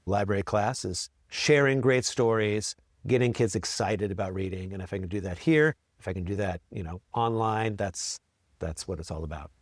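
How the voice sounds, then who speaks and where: A man's voice: fairly low pitch, moderate pace, no echo, studio quality. A man who works as a school librarian, answering interview questions in a friendly way, with ums and repeated words.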